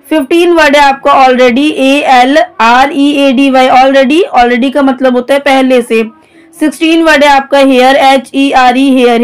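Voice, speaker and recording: A woman teaching English vocabulary, spelling each word letter by letter and then explaining its meaning. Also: sits high. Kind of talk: vocabulary lesson, spelling out words.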